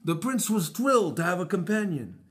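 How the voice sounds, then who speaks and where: A man tells a folktale in a playful, animated way, with a very high voice that rises and falls freely. He jokes along with his listeners. Music plays clearly behind him. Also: fairly quick. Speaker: storyteller. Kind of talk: live folktale storytelling.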